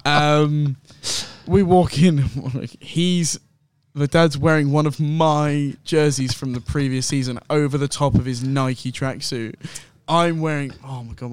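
A young man, guest host on a podcast, telling a long story in excitable, rambling casual chat full of fillers. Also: medium pitch, moderate pace, smooth, no echo. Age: young adult.

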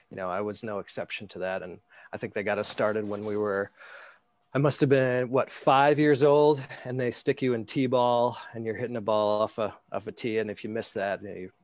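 A man's voice: on the low side, dry recording. A man, telling casual stories as a guest and hesitating with many fillers. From New York, USA. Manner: rambling, anecdotal, hesitant with fillers. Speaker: amateur baseball pitcher, guest. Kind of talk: casual interview storytelling. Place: flat in Scotland.

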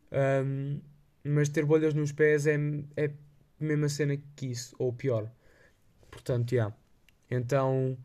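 A man's voice: fairly high pitch, a little mellow. A young man with a Lisbon Portuguese accent, chatting casually and telling anecdotes in a slangy, hesitant, rambling way. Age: young adult. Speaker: podcast host.

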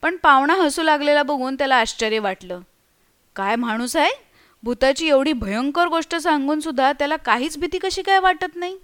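A woman narrating a story in a steady, expressive reading voice. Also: high voice. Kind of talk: scripted narration.

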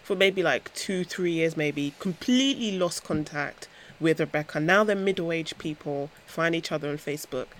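A woman's voice: sits low, moderate pace, few pauses, rough recording. Woman hosting a chat, faint background noise. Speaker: podcast host. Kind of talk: casual podcast chat.

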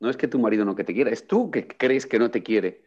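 A man in casual conversation, recounting a book and acting out its questions with lively energy. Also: mid-range voice, quick pace, husky. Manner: animated storyteller, acts out quoted questions. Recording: dull lo-fi sound.

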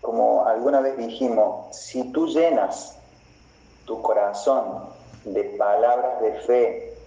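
Slow, dark-voiced preaching pastor. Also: male voice, mid-range voice, vocal fry. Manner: slow, deliberate preaching with repeated phrases. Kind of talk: sermon. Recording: roomy, slightly dull recording.

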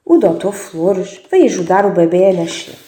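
A woman storyteller reading a children's story aloud on the radio in a lively, expressive way. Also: lowish voice, moderate pace. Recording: roomy echo.

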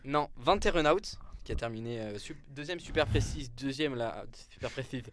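A man's voice: mid-range voice, lively intonation, normal speed, fairly bright tone, slight background noise. A young man talks through his sports segment in loose, chatty radio style. He stumbles and restarts a lot, padding his sentences with fillers, and keeps making fun of himself. His voice sits right in an ordinary middle range. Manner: hesitant, lots of fillers and restarts, self-mocking. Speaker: sports columnist on a club show. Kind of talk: casual live radio chat.

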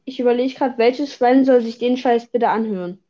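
A woman's voice: fairly high pitch, moderate pace, warm tone, dull audio. A young woman hosting a casual podcast chat, teasing and exclaiming in slangy talk. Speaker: podcast host. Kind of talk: casual chat while gaming.

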